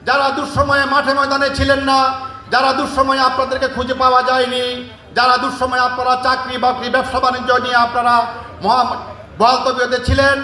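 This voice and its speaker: High, fast, forceful rally speaker man. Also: roomy sound. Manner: forceful, repetitive, threatening. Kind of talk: fiery political speech. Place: protest rally.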